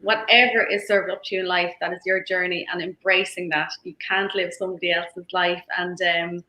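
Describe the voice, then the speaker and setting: A woman yoga teacher talks as a guest, reflective and easygoing, often laughing between thoughts. Her voice is bright and forward. The room around her carries a noticeable echo. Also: fairly low pitch, little pitch movement, brisk. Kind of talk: conversational interview. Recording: echoey room.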